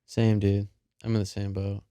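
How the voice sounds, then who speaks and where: A man hosts a podcast with a mellow, dark voice, recorded dry and close. He talks in a laid-back way, tossing in "dude" and casual swearing as he chats. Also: on the low side, completely flat delivery, moderate pace, no room sound. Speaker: podcast host.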